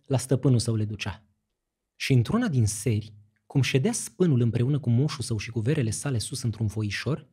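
A man reads a classic fairy tale aloud with expressive, lively storytelling. His voice is dark and mellow with a slightly husky grain. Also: medium pitch. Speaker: audiobook narrator. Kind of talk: scripted storytelling narration.

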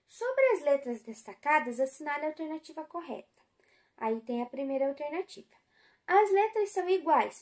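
A Brazilian woman teacher gives a calm school lesson in a high voice. She speaks slowly and patiently, drawing out words so children can follow each exercise. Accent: Brazilian Portuguese.

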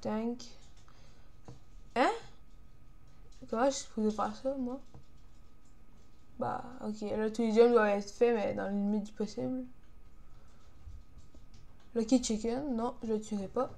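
Young quebec french girl gamer, kinda high voice, casual commentary, frustrated n grumbling w swears. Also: fairly even intonation, unhurried, creaky, pauses often, mellow. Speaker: gamer, video creator.

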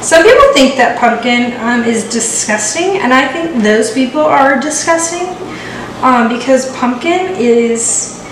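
Her voice sits high, with lively intonation and a slightly slow pace, as this young woman hosts a casual baking video at home. She jokes and chats in a bubbly, playful way. The camera stands some distance away, capturing an echoey, noisy kitchen.

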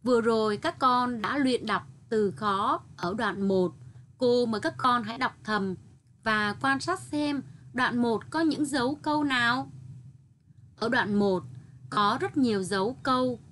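A female teacher with a Vietnamese accent gives a slow, patient reading lesson for small children. Her voice sits high, and she shapes each sound with care. Faint noise hums under the recording. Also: fairly bright tone. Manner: over-articulated, patient, sounding out each word. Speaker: primary school teacher. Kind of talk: slow, careful reading lesson for first graders.

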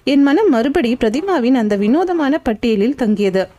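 A woman narrating a crime suspense audiobook in a steady storytelling manner. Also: high voice, normal speed, dull audio.

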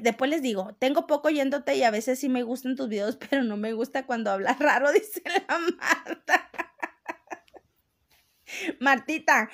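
A Mexican woman hosting a casual live stream, reading out viewer comments in a chatty, teasing way and laughing often. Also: a little high.

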